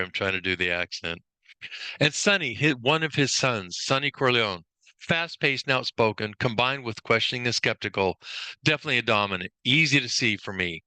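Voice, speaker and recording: Man with a sharp, bright voice listing traits. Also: medium pitch, dry recording. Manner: rattles off lists of traits; brief self-corrections. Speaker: workplace trainer. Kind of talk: informal training lesson.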